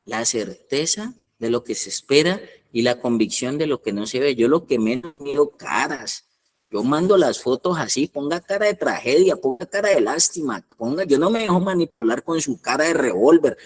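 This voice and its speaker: A man's voice: mid-range voice, animated, normal speed. Emphatic preacher man. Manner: emphatic, repetitive, colloquial preaching. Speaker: apostle and head of a rehab foundation. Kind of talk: sermon.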